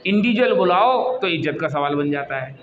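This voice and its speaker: High-voiced man teaching in an echoey hall. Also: expressive, a bit bright, slight background noise. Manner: coaxing and scolding students, recites slowly syllable by syllable. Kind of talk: classroom lesson, leading recitation. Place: classroom hall with students. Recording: dull echoey hall, students audible.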